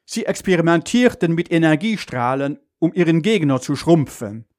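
A man voicing a calm male superhero who answers an emergency call, explaining in a steady, matter-of-fact way. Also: a little high, normal speed, lightly acted. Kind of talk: school radio story reading.

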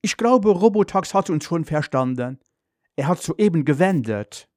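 A man doing a gentle dreamy mom. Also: medium pitch, unhurried, dry recording, studio quality, lightly acted. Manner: soothing, then excited.

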